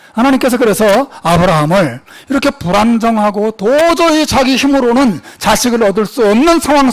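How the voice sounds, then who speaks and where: High, lively preaching man. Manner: expressive, frequent fillers, drops to soft asides. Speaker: pastor. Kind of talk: sermon.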